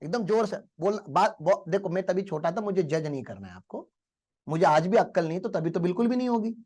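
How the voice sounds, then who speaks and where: A man's voice: sits high, big pitch swings, brisk, darkish tone. A male teacher giving a motivational lecture in a classroom, telling stories and asking the class rhetorical questions.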